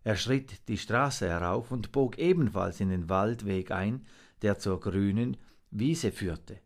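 A man narrating a storybook in an expressive, measured reading. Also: fairly low pitch.

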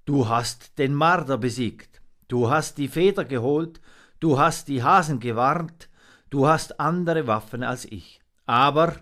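A man reading a storybook aloud and voicing a gruff, wise old male raven with a rough voice and a commanding, stern manner. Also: medium pitch, measured pace, a bit bright, voice pushed up, natural voice.

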